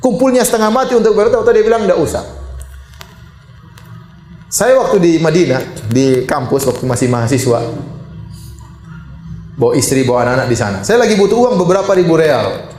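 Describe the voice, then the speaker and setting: A middle-aged Indonesian man preaching to a congregation, lively and joking, his pitch jumping high to stress a point. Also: quick pace, soft background music. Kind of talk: sermon. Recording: echoey hall.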